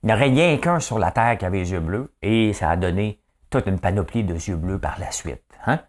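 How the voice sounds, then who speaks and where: Brief: low-voiced Quebec French man hosting a rambling trivia show, very lively pitch, chatty. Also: fairly quick. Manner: chatty, keeps tossing in "hein?"; slips into English phrases. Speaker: host.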